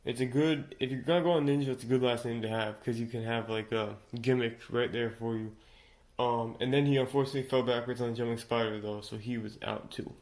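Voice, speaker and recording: A man's voice: mid-range voice, fairly even intonation, fairly quick, darkish tone. A man casually reviewing a competition show episode, rambling with many fillers and restarts, still congested after being sick. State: congested from recent illness. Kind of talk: casual unscripted commentary.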